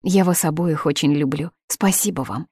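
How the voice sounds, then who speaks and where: A woman voicing a young actress daughter who reassures quickly and eagerly. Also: sits low, warm tone, husky, no echo, studio quality.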